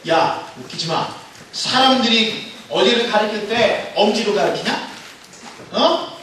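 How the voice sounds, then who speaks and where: A man's voice: high voice, expressive, a little slow, fairly bright tone, slight background noise, pitched above the performer's own voice. A man putting on the voice of a brash index finger that scoffs at the others. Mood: scoffing. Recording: echoey hall from far off.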